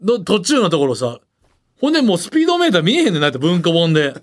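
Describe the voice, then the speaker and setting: A man's voice: high voice, racing. A man with a Kansai accent, chatting casually as a radio show co-host and acting out the voices in his stories. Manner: animated storyteller, acts out voices. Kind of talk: casual chat.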